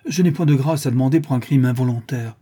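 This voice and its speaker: A man's voice: medium pitch, fast, dark tone, slightly rough, lightly acted. A man voicing a proud, passionate young man pleading before a count, in a read-aloud story. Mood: impassioned. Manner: impassioned, defiant. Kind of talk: audiobook reading.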